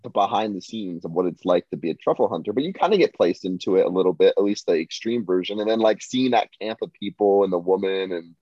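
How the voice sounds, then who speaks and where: A man's voice: low voice, animated, fast talker, few pauses, mellow, dry recording, lo-fi sound. A man co-hosting a casual film discussion podcast, rambling with many fillers and restarts. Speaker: podcast co-host.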